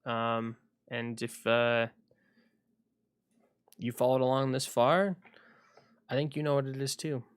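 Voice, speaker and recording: A man chatting casually on a solo livestream, rambling and thinking aloud with frequent pauses, at home at his computer. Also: medium pitch, steady tone, smooth, no echo, studio quality.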